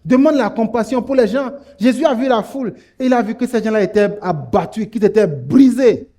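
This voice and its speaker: A man's voice: sits high, a little fast, dark tone. A man preaching a sermon to a church congregation, urging them on with fervent, direct commands. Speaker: pastor.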